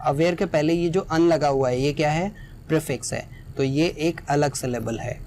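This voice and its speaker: A man's voice: fairly high pitch, normal speed, a little mellow, a little hiss or hum. A man teaching an English lesson in Hindi, patiently repeating each example word. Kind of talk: explaining exam lesson.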